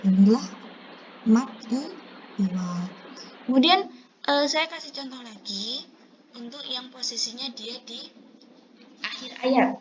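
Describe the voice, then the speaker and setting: Woman teacher, fairly high voice, slow and patient explanations, dull lo-fi sound with steady noise behind. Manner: patient, explains step by step, recites verses slowly. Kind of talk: recorded tajwid lesson. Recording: dull lo-fi recording with background noise.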